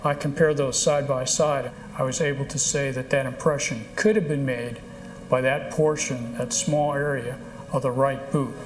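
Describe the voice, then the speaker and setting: A man, a forensic scientist, describing his work in a brisk, matter-of-fact interview. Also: medium pitch, steady tone.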